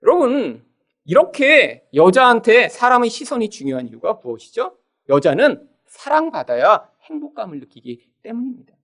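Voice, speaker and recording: A man preaching a sermon as pastor, animated, often calling out to the congregation and acting out quoted voices. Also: very high-pitched, normal speed. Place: church sanctuary.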